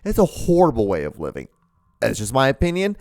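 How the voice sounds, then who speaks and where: Brisk and creaky, his mid-range voice is a little mellow and swings hugely in pitch. He's a thirty-something man from Honduras hosting a solo podcast at home, seated in front of a camera at a studio mic and wearing earphones, talking in a rambling, profane, casual way with frequent restarts. The sound is clean studio audio with no room sound.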